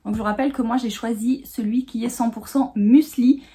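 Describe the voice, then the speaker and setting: Giggly woman in her 30s, a bit high-pitched, chatty unboxing vlog from the sofa in her home office, lots of euh. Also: fairly even intonation, brisk, mellow. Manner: chatty, giggly, many fillers. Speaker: vlogger. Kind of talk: casual unboxing chat.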